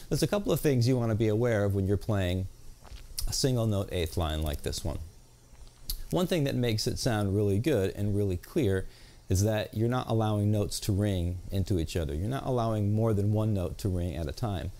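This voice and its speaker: Man, jazz guitar teacher, slightly low voice, patient explaining, counts beats slowly. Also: expressive, dark tone. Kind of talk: instructional video lesson. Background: guitar playing between explanations.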